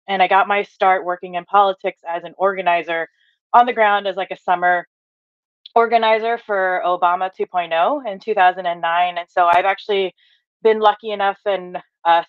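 Speaking from a home office, a Hawaiian workshop trainer in her thirties with a fairly low voice gives an upbeat online session and reads replies from the chat, using many fillers. The audio comes through a webcam or laptop mic on a video call, sounding dry, dull and lo-fi.

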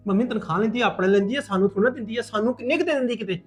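Man playing a fast-talking protesting son. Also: high voice, soft background music, lightly acted. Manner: protesting, argumentative. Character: young son defending his sister. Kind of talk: Punjabi family web drama.

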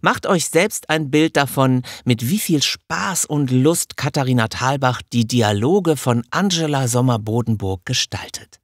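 A man's voice: mid-range voice, expressive, unhurried, few pauses, no echo. A man hosting a podcast interview in a studio, asking questions and wrapping up with friendly thanks. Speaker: podcast host.

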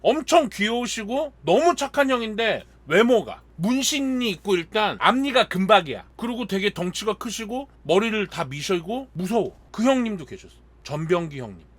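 A man in his thirties, a channel host, telling a story in animated casual chat and acting out heated quotes. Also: sits high, normal speed, hardly any pauses.

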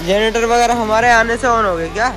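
A man's voice: extremely high pitch, fairly quick, over music. A man hosting a casual vlog outdoors at a stadium site, chatting to viewers and calling them guys. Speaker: vlogger host.

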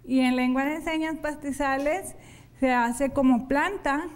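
A woman teaching sign language in a televised class, explaining each hand sign slowly, step by step. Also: sits high.

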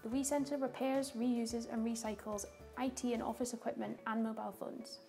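Calm, higher-pitched young woman guiding a tour. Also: moderate pace. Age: young adult. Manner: calm, clear, informative guide delivery. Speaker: campus tour guide. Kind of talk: scripted guided-tour narration. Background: background music.

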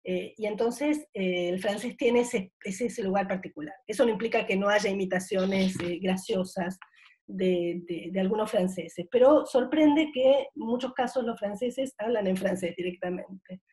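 A middle-aged woman, a university professor, giving an academic conference talk in a thoughtful way, often pausing on drawn-out fillers as she searches for words. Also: mid-range voice, a little mellow.

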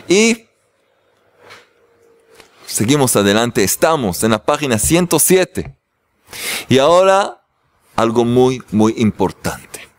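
A man's voice: on the high side, dry recording. A man, a rabbi, teaching a religious class, joking with his audience and then explaining the text.

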